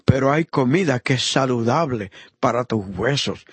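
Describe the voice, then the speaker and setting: A man preaching a fervent sermon, swinging between loud high exhortation and low murmured praise, acting out the voices of the people in his story. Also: normal speed, slightly rough, no room sound. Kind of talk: impassioned sermon.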